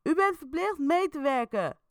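A woman voicing a loud, insistent male police officer who shouts orders in a commanding tone. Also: very high-pitched, expressive, moderate pace, no room sound, studio quality, voice pushed up.

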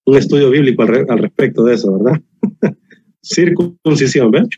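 A man's voice: a little high, dark tone, husky, dry recording. Muffled man preaching a sermon. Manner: preaching with emphatic repetition and humor. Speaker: pastor.

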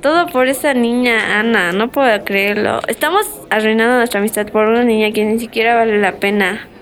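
A woman's voice: fairly high pitch, brisk, fairly bright tone, natural voice. A woman playing a bossy, scheming schoolgirl in an amateur role-play drama, talking in a dramatic, exclaiming way.

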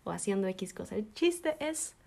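This woman, a podcast co-host with a Mexican Spanish accent, speaks at a moderate pace in a mid-range voice with some vocal fry. She explains things in a casual, teacherly way, animated and laughing often.

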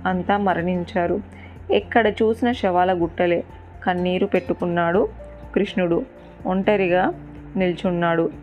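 A woman storyteller retelling an epic tale in steady, measured narration. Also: on the low side. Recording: tinny phone-like sound, faint music.

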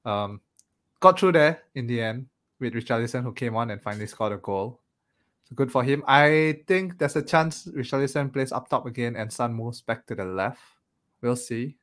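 Male podcast co-host, relaxed and analytical, lots of hesitations. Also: mid-range voice, moderate pace. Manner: thoughtful, hesitant, many "um"s and "right?". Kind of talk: casual chat.

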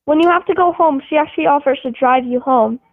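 A woman's voice: high voice, quick pace, no echo. A woman in casual chat, running a made-up game, rambling with lots of restarts and giggles. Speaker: game host posing scenarios. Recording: tinny phone-like dry sound.

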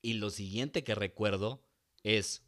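A man spins a rowdy comic anecdote in a fairly low voice. He swears freely, mocks himself, and jumps into shouted bits as he acts out the scene. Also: slow pace. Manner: crude, profane, self-mocking, acts out shouts. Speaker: storyteller.

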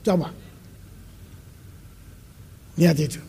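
The long reverb of a large hall surrounds a middle-aged man preaching as pastor, his voice warm and his pace slow. He speaks emphatically yet conversationally, dropping English phrases into the sermon.

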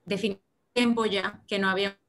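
A woman's voice: medium pitch, steady tone, quick pace. A woman speaking as an interview guest over a video call whose audio keeps breaking up and cutting out, talking hesitantly. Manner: hesitant, many fillers and restarts. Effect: glitching, breaking-up connection audio. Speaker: business association president, interview guest.

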